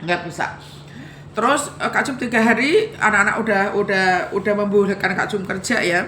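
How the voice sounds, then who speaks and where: Bright-voiced Javanese woman telling her story. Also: mid-range voice, brisk, reverberant, slight background noise. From Java, Indonesia. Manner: conversational, repeats "guys" often, emotional retelling. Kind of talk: casual storytelling to viewers.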